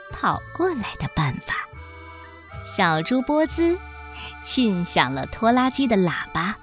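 Expressive woman reading a picture book. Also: mid-range voice. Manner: expressive, sing-song. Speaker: storyteller. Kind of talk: children's picture book read-aloud.

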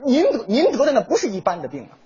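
A man's voice: very high-pitched, huge pitch swings, fast, warm tone, husky. A man performing stage crosstalk comedy, teasing his partner with mock concern and put-on sobbing. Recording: dull stage recording.

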